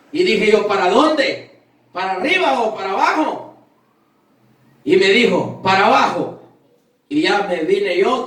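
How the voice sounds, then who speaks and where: A man, a pastor telling a testimony in a fervent sermon, acting out the dialogue as he goes. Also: high-pitched. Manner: fervent, storytelling with quoted dialogue. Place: church sanctuary. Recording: very echoey hall, voice from far off.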